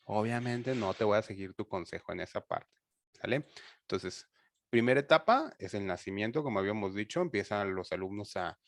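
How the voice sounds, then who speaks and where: A man with a fairly low voice teaches over a video call, talking in a loose conversational way full of fillers and restarts. The sound is dry and close, with no room around it. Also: animated, brisk, no echo. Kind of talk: online class explanation.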